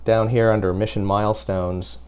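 A man's voice: lowish voice, flat delivery, moderate pace, background noise. A man in his forties giving a casual demonstration and explanation in an interview. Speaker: website creator being interviewed. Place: small home office. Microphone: lapel mic.

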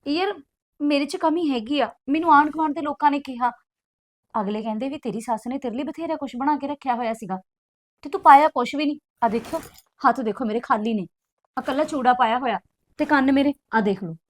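A woman's voice: sits high, fairly quick, echoey room, lightly acted. A woman playing an insistent young bride. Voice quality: complaining, insistent. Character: young discontented new bride. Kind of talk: village family drama acting.

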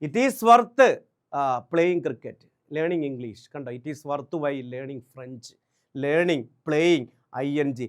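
A man with a Malayali accent giving a brisk exam-prep grammar lesson, drilling English examples slowly and repeating key points. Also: a little high, animated. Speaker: English teacher.

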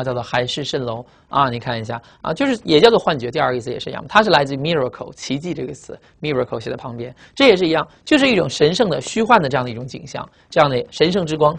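In a recorded vocabulary lesson, a man with a mid-range, creaky voice teaches English words in Mandarin. He repeats each word and explains it using memory tricks, with a steady stream of filler sounds.

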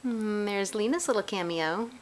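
A woman, a mother, chatting gently in a sing-song way to her toddler, repeating simple questions. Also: mid-range voice, normal speed. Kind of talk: casual child-directed chat, gentle questions to a toddler. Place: carpeted room at home. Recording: home camera with clear background noise.

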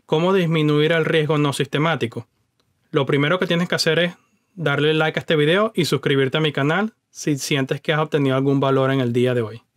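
A man with a fairly high voice walks the listener through stock market basics in a friendly, explanatory voice-over. He speaks straight to the viewer and drops in the odd English word. The sound is dry and close, with no room around it. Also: no room sound. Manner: conversational and explanatory, addresses the viewer directly; mixes in English words. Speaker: personal finance YouTuber. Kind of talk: explaining investing over screen recordings.

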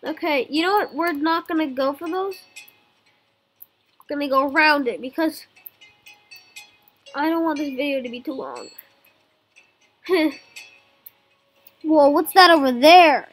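Excited and exclamatory, this young-sounding host of a gaming video keeps repeating words while game music plays behind. His high voice is unhurried, broken by long pauses.

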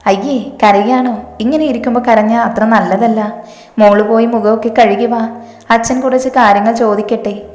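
A woman's voice: a little high, steady tone, moderate pace, a little mellow, close to an everyday voice. A woman reading the lines of a stern, grieving middle-aged father who scolds and commands, in an echoey room with a long reverb.

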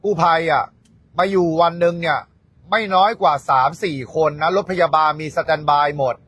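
Dharma teacher guy ranting, crude blunt talk, voice sits kinda high. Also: brisk, fairly bright tone, husky, no room sound. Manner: blunt, coarse and scolding. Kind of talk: casual spoken rant to followers.

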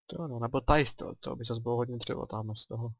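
A man's voice: medium pitch, no echo. Chatty Czech man commenting on a game. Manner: chatty, thinking aloud, excited exclamations. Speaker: let's play host.

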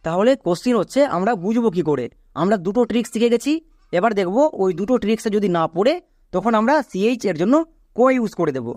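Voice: mid-range voice, quick pace, darkish tone, no echo, clean studio sound. A teacher explaining English spelling rules step by step, drilling each point by repeating it and spelling words out letter by letter.

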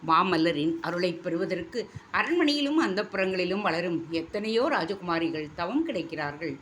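A woman voicing a proud young female dancer who speaks with hurt, sharp indignation. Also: lowish voice, animated, moderate pace, slight background noise. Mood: indignant. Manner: indignant, sharp, tearful reproach. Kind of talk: storybook reading.

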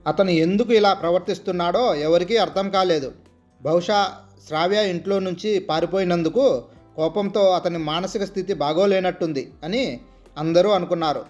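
A man reading aloud as a storyteller, narrating a family drama in a steady, expressive way. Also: high-pitched, moderate pace, soft background music.

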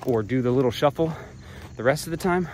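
Guy chatting on a trail walk, mid pitch, laid back, a little winded, crickets faint behind him. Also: brisk, background noise. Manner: relaxed, profane, talks between breaths while walking. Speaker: vlogger giving hiking tips. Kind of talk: casual talk while hiking. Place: outdoors on a rural trail. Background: crickets and insects.

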